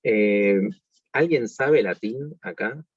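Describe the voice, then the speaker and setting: A man with an Argentine accent teaching an online music workshop, explaining slowly with many fillers and restarts. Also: medium pitch, husky, no echo, muffled recording. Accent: Argentine Spanish.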